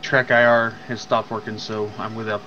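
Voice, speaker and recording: Wingman pilot on cockpit headset comms: man, monotone, tight radio calls, dull lo-fi line with faint hiss. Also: fairly low pitch, moderate pace. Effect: pilot talking over a cockpit headset radio link. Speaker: wingman pilot in a flight sim. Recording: muffled voice-chat link with background hiss.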